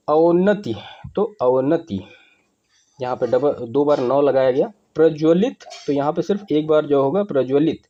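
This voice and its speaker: A man's voice: a little high, mellow. Man teaching spelling, lo-fi. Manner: explanatory, repeats each word wrong then right. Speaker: Hindi grammar teacher. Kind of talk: exam-prep lesson.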